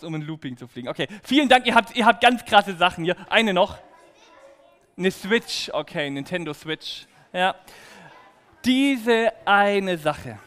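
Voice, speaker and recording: Brief: male children's preacher, high voice, playful and direct, echoing church hall. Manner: lively, playful, talking directly to kids. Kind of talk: children's sermon. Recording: echoey hall reverb.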